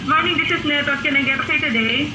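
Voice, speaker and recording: A woman, taking an order over a drive-thru intercom speaker in a brisk, polite, scripted way. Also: high voice. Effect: heard through a drive-thru intercom speaker. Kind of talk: customer service order-taking. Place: outdoor drive-thru lane, recorded from inside a car. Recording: echoey, distant intercom with traffic noise.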